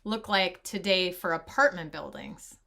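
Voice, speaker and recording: A woman's voice: on the low side, animated, measured pace, vocal fry, sharp tone. A woman interviewing a guest, asking questions and reacting briefly to prompt him on.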